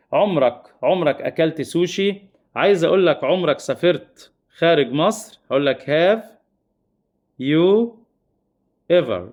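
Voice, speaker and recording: A man's voice: a little high, lo-fi sound. A man with an Egyptian Arabic accent teaching English grammar. He repeats his key points and keeps calling his students heroes and dears. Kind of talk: exam-prep grammar lesson.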